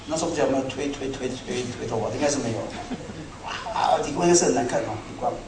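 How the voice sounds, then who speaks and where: A middle-aged man preaching a sermon to a congregation, telling stories in an animated, self-mocking way. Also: mid-range voice, rapid-fire, background noise. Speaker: pastor. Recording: echoey hall, speaker far from mic.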